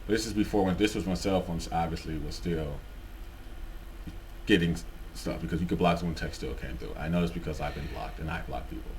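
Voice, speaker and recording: A man co-hosting a reaction video, chatting casually and in an animated, colloquial way. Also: low-pitched, a little fast, a little hiss or hum. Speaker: co-host.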